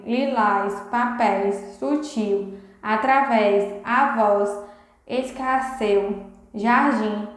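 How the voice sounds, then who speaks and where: A woman with a Brazilian Portuguese accent teaches a lesson to schoolchildren in a fairly high voice. She explains patiently, checks in often with a rhetorical question, and reads words out slowly. The sound is very echoey, as if in a bare room. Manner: reads word lists slowly and deliberately. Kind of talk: recorded remote lesson for schoolchildren.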